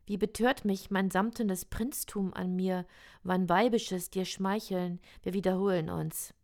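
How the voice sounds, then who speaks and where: Woman, literary reading, prose poetry, slow pace, measured delivery, mid-pitched voice. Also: steady tone, mellow. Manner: slow, measured, deliberate recitation.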